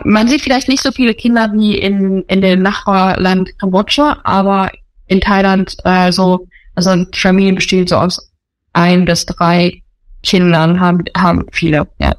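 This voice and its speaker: A woman's voice: fairly low pitch, fairly even intonation, unhurried, no echo. A woman in her thirties, a missionary, answering interview questions earnestly with frequent fillers.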